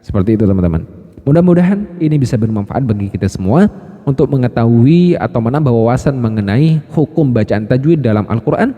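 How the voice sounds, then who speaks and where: A man teaching recitation patiently, stopping to chant example words slowly. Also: medium pitch, expressive, big-room sound, phone-quality sound. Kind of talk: explanatory lesson.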